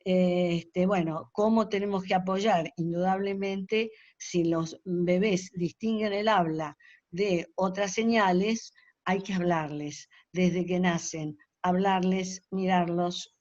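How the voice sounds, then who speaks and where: A woman's voice: fairly low pitch, steady tone, takes it slowly, darkish tone, dry recording. Older woman, lecturer on a webinar, hesitant and explanatory, dull dry call audio. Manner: explanatory, many hesitations and fillers. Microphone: video call.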